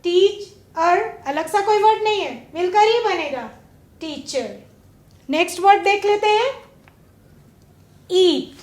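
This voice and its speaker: A woman teaching a class, asking her pupils questions and drawing out example words slowly. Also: very high voice, expressive, echoey room. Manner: slow, drawn-out stress on example words; asks pupils questions and waits. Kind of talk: classroom lesson. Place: studio classroom.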